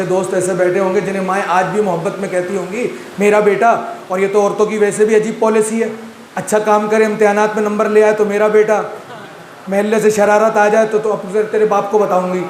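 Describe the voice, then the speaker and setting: A man with a very high voice delivers a Muharram majlis sermon, putting rhetorical questions to his listeners. His voice rings through a large echoey hall, with faint room ambience behind it. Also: a little hiss or hum. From Pakistan. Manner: rhetorical, asks the audience questions. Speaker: Shia majlis speaker.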